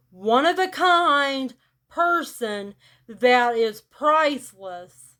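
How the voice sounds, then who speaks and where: A vlogger with a rural American country accent and a slightly high voice delivers a blunt, casual monologue straight to camera. She deliberately keeps her delivery flat and robot-like.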